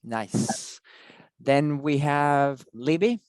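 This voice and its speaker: A man's voice: a little high, drawn-out words, a little mellow, smooth, dry recording. Man hosting online meeting, dry close sound. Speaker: meeting host. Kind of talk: informal online presentation. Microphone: video call.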